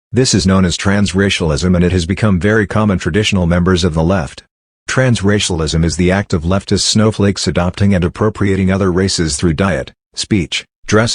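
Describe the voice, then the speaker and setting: A man's voice: low-pitched, no echo, clean studio sound. A man narrating a scripted commentary in a scornful, insulting manner.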